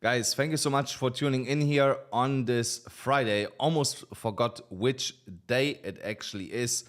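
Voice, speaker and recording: Guy going over crypto charts, lots of ums and uhs, kinda tired and under the weather, mid-pitch voice. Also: a little slow. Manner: hesitant, many fillers, slightly non-native phrasing. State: a little unwell, low on energy. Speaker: crypto market analyst host. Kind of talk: casual chart analysis talk.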